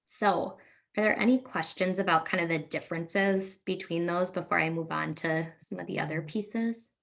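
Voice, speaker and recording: Woman speech therapist talking thru slides, kinda low and gravelly, lots of ums. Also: moderate pace, fairly bright tone. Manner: explanatory, frequent "um" fillers. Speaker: speech-language pathologist. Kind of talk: webinar presentation.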